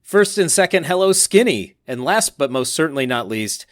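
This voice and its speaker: A man co-hosting a casual podcast, reading listener messages aloud in an upbeat, animated way. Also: fairly high pitch, moderate pace, no echo, studio quality. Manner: upbeat, reads quotes aloud with animated emphasis.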